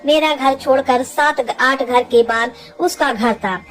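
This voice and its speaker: A woman's voice: high voice, slow pace, soft background music. A woman narrating an emotional first-person story in an earnest, sorrowful way.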